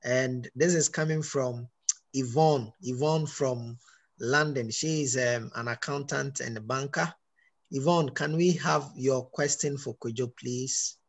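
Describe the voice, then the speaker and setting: A man's voice: medium pitch, steady tone, a little slow. A man moderating a conversation, politely introducing callers and inviting their questions in a formal way.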